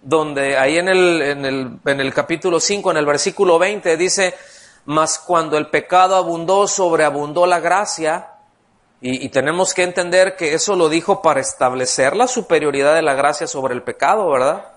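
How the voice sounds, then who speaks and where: A man's voice: on the high side, normal speed. A male pastor teaching an expository sermon in a conversational way, asking the congregation questions. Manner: conversational, asks the congregation questions, acts out voices.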